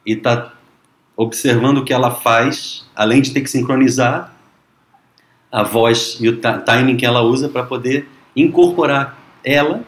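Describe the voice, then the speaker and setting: A man hosts a relaxed interview at a mid pitch. He is friendly, affirms what he hears and leads with questions. The room adds a clear echo. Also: a little slow. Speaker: host. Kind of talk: casual interview.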